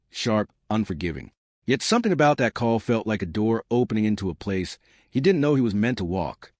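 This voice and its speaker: A man tells an emotional story in a scripted, dramatic way. His voice sits low, yet it rises and falls with feeling. It is recorded dry and close, with no room around it. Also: dry recording. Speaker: story channel narrator.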